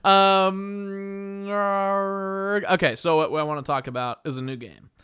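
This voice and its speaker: A man's voice: medium pitch, fairly even intonation, fast, clear, resonant tone. A man hosting a comedy podcast, chatting casually and rambling while explaining a game. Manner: rambling, restarts, laughs often. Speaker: podcast host.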